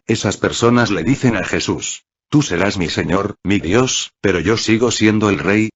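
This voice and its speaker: A man's voice: deep voice, breathy edge. A man preaching an earnest Sunday reflection, exhorting his listeners. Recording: dull lo-fi audio.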